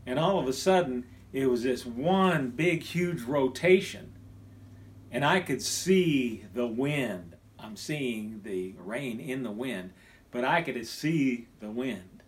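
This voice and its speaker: A middle-aged man from Kansas, a pastor, preaching a recorded sermon in a voice of ordinary pitch. He is animated, swinging from emphatic bursts to a near hush for quoted words. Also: takes it slowly.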